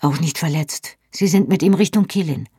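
A battered, breathless man reports in short, halting bursts, as a woman narrator reads him. The voice is husky and the audiobook sound is close and dry. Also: deep voice, dark tone, dry recording. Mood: urgent, weary. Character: wounded, breathless adult Scottish man.

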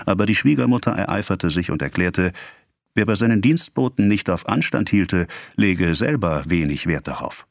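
A male narrator reads a novel in a measured, expressive way. His voice sits very low. The recording is dry and close, with no room sound. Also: dry recording. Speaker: audiobook narrator.

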